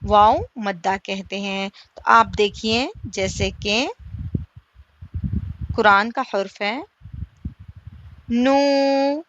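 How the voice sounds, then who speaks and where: A woman teaching a slow recitation lesson. She asks her listeners questions, answers them herself, and stretches the example vowels out slowly. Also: mid-range voice, fairly bright tone, lo-fi sound, slight background noise. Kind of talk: slow step-by-step tajweed lesson.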